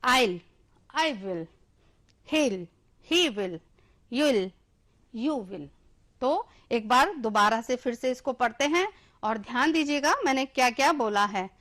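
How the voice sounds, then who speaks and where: A woman's voice: fairly high pitch, lively intonation, slow, long pauses, fairly bright tone. A woman with an Indian accent teaching an English lesson, explaining in Hindi, calling her pupils children and drilling words for them to repeat. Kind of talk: classroom-style lesson.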